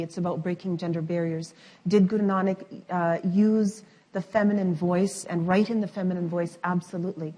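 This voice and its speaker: A woman panelist answering at a conference, measured and firm, with clear emphasis. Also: fairly low pitch, darkish tone. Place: university conference room.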